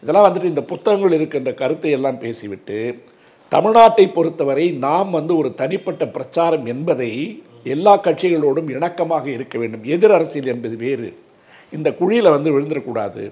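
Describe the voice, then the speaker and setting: A man's voice: fairly high pitch, expressive, fairly quick, warm tone. A man in his sixties, an advocate, speaking earnestly and emphatically in an interview, with a lot of filler words. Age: 60s.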